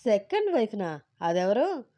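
A woman's voice: medium pitch, big pitch swings, measured pace, mellow. A woman voicing a boastful, scheming older man in a storybook narration. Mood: puzzled. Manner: boastful and blustering.

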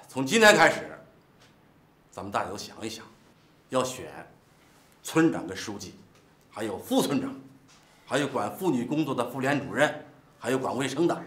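An actor playing an older village head who runs a meeting and scolds the villagers in a commanding, folksy way. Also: male voice, medium pitch, a bit bright, echoey room. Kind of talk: TV drama acting.

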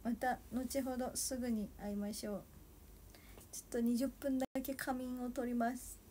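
Young woman rambling to her stream, soft mellow voice, kinda sleepy, faint background hum. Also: fairly high pitch, level tone, normal speed. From Japan. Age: 20s. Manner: soft, chatty, drifting into sleepy murmurs. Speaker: idol livestreamer. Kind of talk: casual solo livestream chat.

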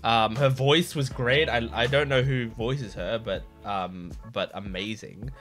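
A man in his twenties speaks a little slowly in a mid-range, fairly bright voice, close to a desk boom microphone at a computer desk in a small bedroom. As a YouTube reaction host he gushes, swears and chats with casual excitement over game trailer music.

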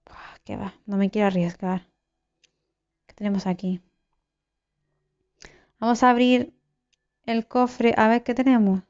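A young woman from giving live gameplay commentary, excitable, swearing and talking to her viewers. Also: on the high side, a little slow, pauses often, clear, resonant tone, muffled recording. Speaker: gaming YouTuber.

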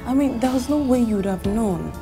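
A woman's voice: fairly high pitch, brisk, over music, close to an everyday voice. An actress plays a young bereaved sister with a Nigerian accent in a film drama. She is affectionate and grateful, talking in a natural, reassuring way. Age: young adult.

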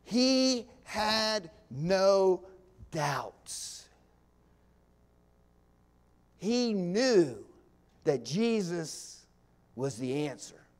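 A male pastor preaching a sermon, dropping to near-whispers and rising to loud, impassioned peaks, with folksy asides and small laughs. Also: sits high, very animated. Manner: swings from hushed near-whispers to loud impassioned climaxes, drawn-out pauses. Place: church sanctuary.

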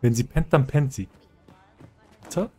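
Casting: Let's-Player, Mann, locker und verspielt, redet mit Spielfiguren. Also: male voice, medium pitch, measured pace, a little mellow, slightly rough. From German-speaking country. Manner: chatty and joking, talks to game characters. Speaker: let's play host. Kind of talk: casual gameplay commentary.

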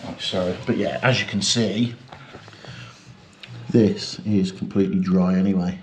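Chatty plumber on a job. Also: male voice, sits low, fairly even intonation, unhurried, music in the background. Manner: chatty, self-mocking, explains as he works. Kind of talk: work vlog narration. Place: living room in a house, indoors.

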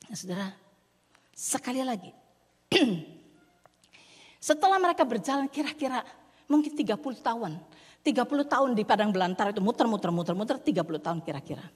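Husky woman preaching in a reverberant hall. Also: mid-range voice. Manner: dramatic, mixes in English words; drops to whispers for emphasis. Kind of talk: sermon. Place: church hall. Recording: long church hall reverb.

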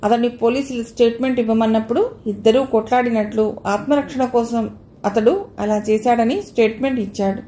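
A woman's voice: a little high, steady tone, fairly quick, warm tone, reverberant, a little hiss or hum. A woman reading a novel aloud as an audiobook narrator, with light changes of voice for each character's dialogue.

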